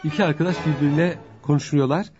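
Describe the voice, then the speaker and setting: A man reading humorous folk anecdotes aloud in a lively storytelling manner, voicing the characters' dialogue as he goes. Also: on the high side, quick pace. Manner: lively telling, voices the dialogue. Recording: dull lo-fi with faint music.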